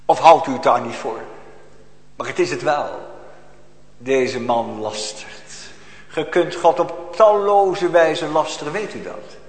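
A man preaching a sermon to a congregation, slow and solemn, rising to emphatic outbursts, recorded in a church. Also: on the high side, expressive, roomy sound, big-room sound, low-quality recording.

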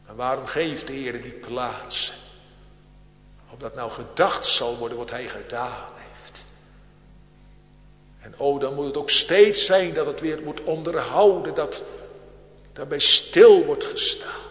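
A man preaching a sermon to a congregation, with a solemn cadence that swells and drops in loudness and archaic biblical phrasing. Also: mid-range voice, unhurried, pauses often. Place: large church. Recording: echoey church hall with long reverb.

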